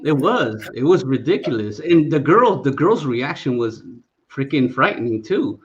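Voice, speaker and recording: A man with a middle-pitched voice talks casually, laughing through his stories and swearing at nearly every turn. The audio is muffled and lo-fi. He comes across as blunt and rough-edged. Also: very animated, moderate pace. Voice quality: heavily profane, laughs often. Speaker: veteran discussion guest. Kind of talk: casual chat.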